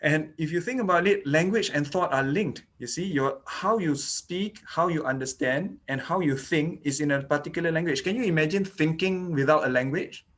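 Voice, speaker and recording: A man with a higher, fairly bright voice delivers an online lecture on child dental care at a moderate pace with hardly any pauses. Malay is his first language, and he explains step by step indoors, frequently using "okay" and "you know."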